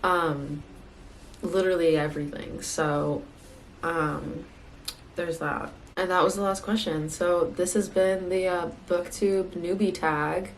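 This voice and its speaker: Young female vlogger, lower pitch, loose rambling delivery, slight background hiss. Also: fairly even intonation, slow, rough recording. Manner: rambling, filler-heavy, self-correcting. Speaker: booktube vlogger. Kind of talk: casual tag video chat.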